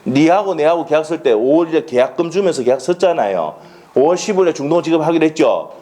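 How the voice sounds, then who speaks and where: Talking fast in a dark, animated voice, this Gyeongsang-accented man teaches law in a plain, conversational classroom style. His pitch rises and falls widely while he poses rhetorical questions and checks comprehension, all delivered bluntly and colloquially.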